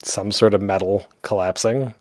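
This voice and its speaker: A man with a voice on the low side hosts an online panel teaching audio drama production, speaking informally, rambling, and often interrupting himself. The home recording is close and dry, though heavy background noise is present; his intonation is fairly even and his speed normal.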